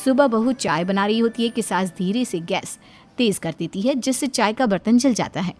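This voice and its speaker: A woman narrating a cartoon moral story in a steady storytelling manner. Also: medium pitch, moderate pace, faint music behind.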